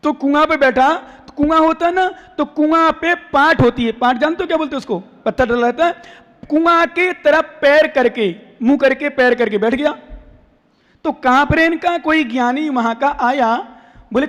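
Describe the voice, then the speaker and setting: High-voiced preaching monk in a hall. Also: male voice, normal speed. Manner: animated storyteller acting out characters, asks the audience questions. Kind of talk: sermon with storytelling. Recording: long hall reverb.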